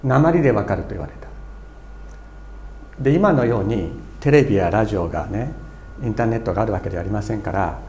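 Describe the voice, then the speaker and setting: A man's voice: fairly low pitch, dark tone, a little hiss or hum. Earnest man preaching a sermon. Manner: explanatory, earnest, with many fillers and restarts. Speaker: pastor.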